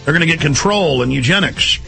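A high-pitched, raspy American man hosts talk radio in a paranoid late-night rant. He sounds urgent and conspiratorial, with a forceful, sharp edge. Faint music plays behind him. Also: lively intonation, a little fast, low-quality recording. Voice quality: gravelly, raspy. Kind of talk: ranting political monologue.

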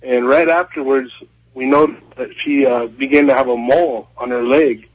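A man phones into a talk radio show, his voice thin and tinny through a cell phone. The line sounds dull and lo-fi. He talks haltingly and hesitantly, with lots of fillers. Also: mid-range voice, fairly even intonation. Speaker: caller.

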